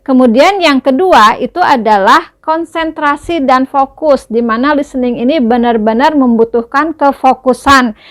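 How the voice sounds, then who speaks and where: A woman's voice: high-pitched, moderate pace, fairly bright tone. A young woman teacher explaining an English lesson patiently, often checking that listeners follow. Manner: patient, checks understanding with tag questions.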